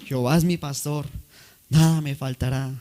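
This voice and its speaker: A man with a Colombian accent voicing a proud, eloquent male stage actor in a sermon story, declaiming and rising to shouts. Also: a little high, steady tone, moderate pace, natural voice. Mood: grand.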